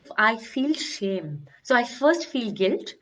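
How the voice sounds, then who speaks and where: A woman's voice: fairly high pitch, sing-song, a bit bright. Earnest woman, reflective healing talk. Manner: earnest, searching, with many restarts and drawn-out emphasis. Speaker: wellbeing coach. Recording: slightly dull, lo-fi sound.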